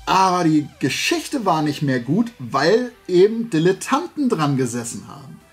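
A man with a slightly high voice talks at a measured pace to camera, hosting his toy collecting YouTube channel from a small shelf-lined room of toys. His delivery is an animated, emphatic, colloquial ramble full of casual opinions, set over soft background music.

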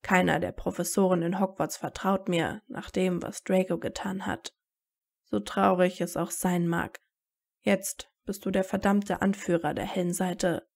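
A woman's voice: fairly low pitch, level tone, measured pace, vocal fry, a little mellow. A woman voicing a guarded teenage wizard boy who answers in clipped, wary retorts in a fan audiobook. Her own reading voice carries him. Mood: wary, bitter.

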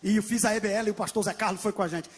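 A Brazilian man preaching an impassioned Pentecostal sermon with a Brazilian Portuguese accent, often shouting and singing out key phrases. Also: high-pitched, fairly even intonation, very fast, breathy edge. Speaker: pastor.

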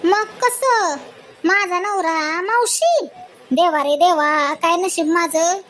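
A woman's voice: very high-pitched, takes it slowly, fairly bright tone, a little hiss or hum, exaggerated voice. A woman playing a suspicious, dramatic wife in a comic skit, nagging and accusing. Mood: outraged.

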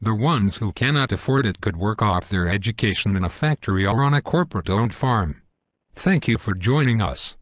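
A man's voice: lowish voice, animated, moderate pace, no room sound, studio quality. A synthetic male voice playing a smug, belligerent parody news anchor in a scripted cartoon newscast, stiff and pompous.

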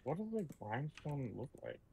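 Mellow-voiced playful male gaming buddy. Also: medium pitch, moderate pace, vocal fry, husky. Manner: playful, teasing, deadpan jokes. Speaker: co-op gaming guest. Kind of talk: casual chat while playing a modded game.

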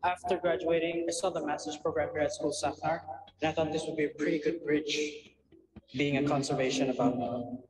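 A young man giving a low-key interview testimonial on an outdoor veranda. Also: level tone, a little fast. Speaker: conservation corps member. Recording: roomy, distant sound with voices behind.

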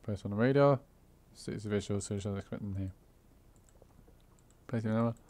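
A man's voice: on the low side, normal speed, darkish tone. A man hosting a gaming video, reading a story game aloud with casual commentary and a sleepy, yawning manner, skimming text with "blah blah.". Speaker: gaming channel host.

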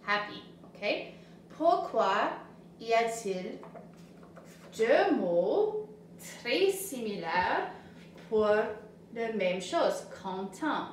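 Woman teacher with a higher voice, drills words slowly for kids and adds translations; recorded at a distance in a very echoey room. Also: a little hiss or hum. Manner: slow and clear, repeating words and switching to English translations. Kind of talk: slow, simple French lesson for children.

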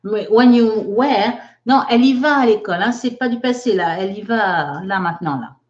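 A woman's voice: medium pitch, muffled recording. A woman, teaching a live online English lesson, reading out viewers' chat sentences and patiently correcting them. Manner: slow, careful, patient explaining.

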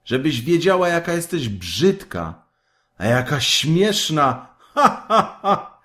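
Man reading as a snide little boy in a storybook, voice pushed up high, scornful and sneering. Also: huge pitch swings, slow pace. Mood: mocking. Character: spiteful, mocking young boy.

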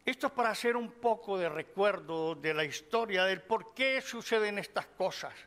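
Man preaching, high bright voice, slow and measured, long hall reverb. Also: lively intonation. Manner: slow, measured Bible teaching, addressing listeners as brothers. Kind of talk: sermon. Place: church hall.

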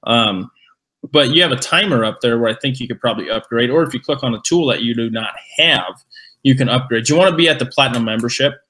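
A man co-hosting a business webinar, emphatic and hyping in a casual sales pitch. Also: quick pace, sharp tone. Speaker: webinar co-host.

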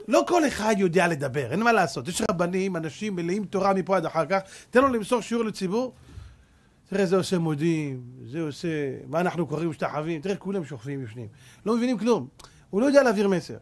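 A man teaching a religious lesson as a rabbi, telling anecdotes with lively swings between loud and hushed delivery. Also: high-pitched. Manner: acts out characters in anecdotes. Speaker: rabbi teaching a Torah class.

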